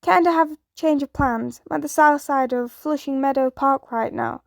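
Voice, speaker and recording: A woman's voice: high-pitched, normal speed, gravelly, no room sound, studio quality. A woman voicing a teenage boy hero in a fan fiction reading, tense but trying to sound casual.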